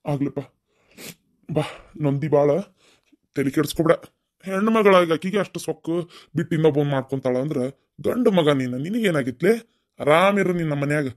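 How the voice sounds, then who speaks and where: A man's voice: a little high, fast talker, pauses often, darkish tone, lightly acted. A man playing a stern older village father, North Karnataka accent. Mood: consoling. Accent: North Karnataka Kannada. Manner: reproachful, scolding. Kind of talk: cartoon story voice acting.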